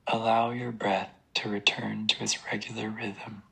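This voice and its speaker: A man leading a guided prayer and breathing meditation in a hushed, breathy, creaky voice, with a deliberate, calming delivery. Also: on the low side, poor audio. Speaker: guided sleep meditation leader.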